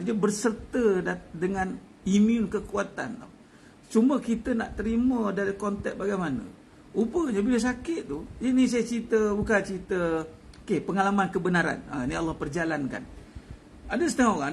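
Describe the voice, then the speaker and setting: High, gravelly-voiced male religious teacher. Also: a little hiss or hum. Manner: chatty, repeats phrases, chuckles often. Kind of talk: casual religious talk.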